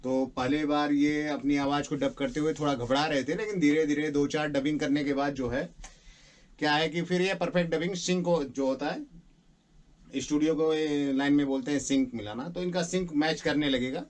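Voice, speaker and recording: A man's voice: on the high side, fairly even intonation, normal speed. A man running a dubbing studio, explaining the process and coaching an actor with impatient corrections. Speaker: dubbing studio operator and director. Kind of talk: instructional explanation.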